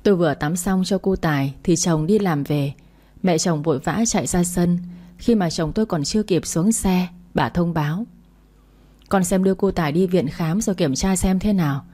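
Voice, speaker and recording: Low, mellow-voiced woman telling a story. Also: moderate pace. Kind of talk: first-person story narration.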